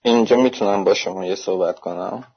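A man who is a lawyer and a guest on a talk show, speaking politely in a measured way. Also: low voice, vocal fry, husky, muffled recording. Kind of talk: calm talk-show commentary.

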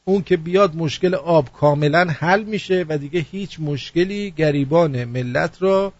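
A man with a husky, slightly raised voice hosts a satirical show. He reads messages and rhyming verse with mocking humour. The sound is dull and dry. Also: a little high, dry recording. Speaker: host.

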